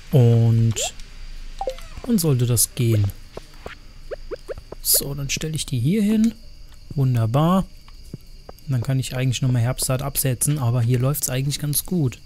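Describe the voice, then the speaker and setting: A man's voice: mid-range voice, slow, pauses often, music in the background. A man giving casual, chatty gameplay commentary as a streamer, joking around and cursing in crude asides to his chat.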